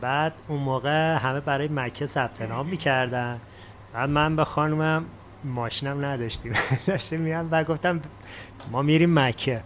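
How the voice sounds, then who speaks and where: A man taking part in a seminar shares an anecdote from his own life. His voice sits a little on the high side, and he tells the story plainly. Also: fairly bright tone, slight background noise. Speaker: workshop participant. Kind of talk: personal anecdote.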